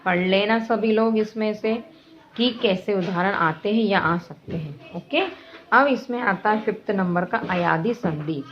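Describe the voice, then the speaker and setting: Woman teacher, unhurried lesson delivery, patient and repetitive, muffled lo-fi recording. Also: medium pitch, a little hiss or hum. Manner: patient, repeats examples, keeps checking understanding. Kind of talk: classroom grammar lesson. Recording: dull lo-fi recording.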